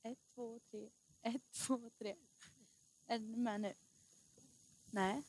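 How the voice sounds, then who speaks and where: A woman reading a book aloud in a calm, matter-of-fact way, after checking her microphone. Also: fairly high pitch, slightly rough. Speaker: volunteer audiobook reader.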